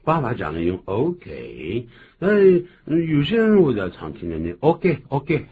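A man co-hosting a bilingual radio English lesson, explaining phrases in a lively way and acting out short quotes. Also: lowish voice, normal speed. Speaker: English teacher co-host. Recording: phone-like lo-fi with faint hiss.

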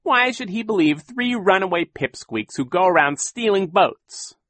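A man putting on a loud gloating villain captain. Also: high voice, expressive, moderate pace, pitched above the performer's own voice. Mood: mocking. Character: sneering greedy male villain sea captain.

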